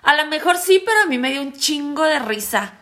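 A woman's voice: high-pitched, fairly quick. A woman with a Mexican accent, co-hosting a podcast and telling a story in slangy casual chat, laughing as she goes. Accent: Mexican Spanish. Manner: slangy, animated, laughs while telling stories. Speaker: podcast co-host.

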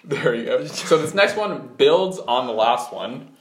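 A young man co-hosting a podcast in relaxed, casual chat, full of "like" and "bro". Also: mid-range voice, unhurried. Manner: laid-back, casual, says "bro" and "like". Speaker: podcast co-host. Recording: echoey room, faint noise.

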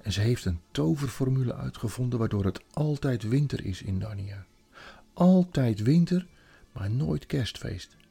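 A man voicing an excited young girl, earnest and eager, with a husky, gravelly tone. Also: mid-range voice, moderate pace.

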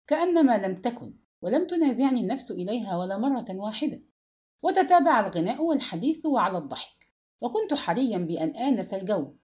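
A woman narrating a novel aloud in an expressive, dramatic audiobook reading. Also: medium pitch.

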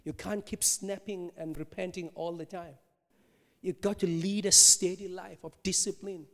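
Male preacher, animated storyteller, higher register, reverberant hall. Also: normal speed. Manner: animated storytelling, laughing, rhetorical asides. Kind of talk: sermon.

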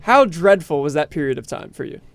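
A man's voice: on the high side, animated, a little fast, a bit bright. A man casually debating sports as a panelist, arguing with rhetorical questions. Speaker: podcast panelist.

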